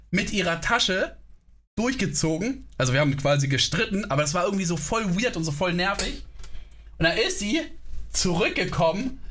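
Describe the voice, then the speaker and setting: Male livestreamer, slangy casual storyteller, high lively voice, close desk mic. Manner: slangy, animated. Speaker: streamer reacting to gaming clips. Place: small room at home. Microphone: large desk microphone, close.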